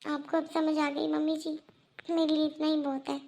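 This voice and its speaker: Woman voicing a very high-voiced, sorrowful young daughter-in-law. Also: flat delivery, normal speed, darkish tone. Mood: plaintive. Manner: earnest, plaintive pleading. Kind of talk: Hindi cartoon voice acting.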